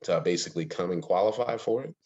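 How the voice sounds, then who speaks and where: Young male guest from Ohio, very low voice, eager rambling storyteller, dull lo-fi call line. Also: fast, a little mellow. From Ohio, USA. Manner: eager storyteller, many fillers. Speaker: podcast guest. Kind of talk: casual interview chat.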